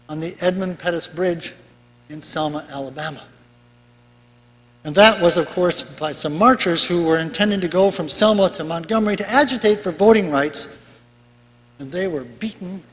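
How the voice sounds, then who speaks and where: An older man delivers a sermon from the pulpit of a large, bright church, his voice sitting notably high for a man. He preaches conversationally, tossing in asides to the congregation and lifting his voice for emphasis. The sound carries a long church reverb. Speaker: pastor. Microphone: pulpit mic from far camera.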